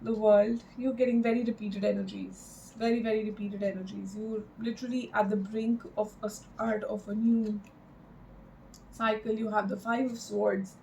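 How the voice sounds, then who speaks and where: A woman giving an improvised, mystical horoscope tarot reading in a halting, reflective way, repeating phrases for emphasis. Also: mid-range voice, flat delivery, creaky, warm tone, a little hiss or hum, low-quality recording. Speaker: tarot card reader.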